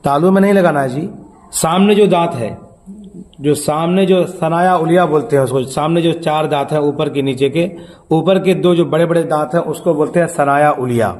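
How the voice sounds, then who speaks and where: A man with a somewhat high voice teaches children how to pronounce letters for Quran reading. He drills patiently and repeats himself, often stopping to quiz the pupils with quick questions. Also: darkish tone.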